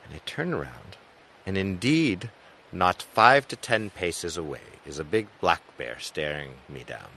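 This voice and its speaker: A man hosting a podcast, telling outdoor adventure anecdotes in a casual way, with loud excited bursts and quiet trailing endings. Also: low voice, a little slow. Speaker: podcast host.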